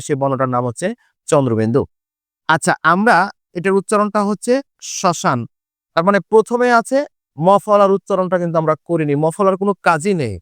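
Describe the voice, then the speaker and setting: A man from Bangladesh teaching a Bengali grammar lesson for exam students, repeating each rule slowly and asking and answering his own questions. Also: high-pitched, smooth, dry recording, studio quality.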